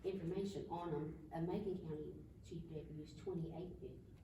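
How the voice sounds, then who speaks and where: A woman informally explaining figures at a meeting as a staff member, in a halting, explanatory way. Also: sits low, steady tone, dark tone. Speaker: county staff member presenting salary figures. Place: indoor meeting room, far from the mic. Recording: distant echoey room recording, clear background noise.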